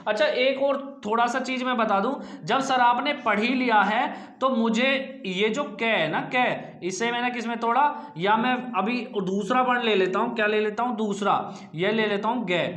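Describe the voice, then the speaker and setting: A man's voice: very high voice, moderate pace, few pauses, fairly bright tone. A man teaching Hindi grammar at a whiteboard for an exam coaching class, asking the class questions and answering them himself. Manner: repeats questions to the class and drags out sounds. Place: small coaching room with a board. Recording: echoey room.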